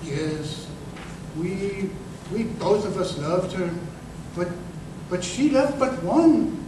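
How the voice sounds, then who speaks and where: In this old-time radio drama staged live in a museum, the man playing the bitter, crippled working-class ex-corporal has a high voice with lively intonation. He looks back on his betrayal wistfully and bitterly, stumbling and repeating words for emphasis. A distant microphone captures the echo and the noisy room.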